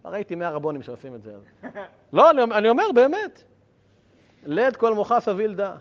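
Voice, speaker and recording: This Torah teacher, a man whose voice sits slightly high, keeps things lively and humorous. He asks rhetorical questions and jokes with the listeners, and the lo-fi recording sounds dull.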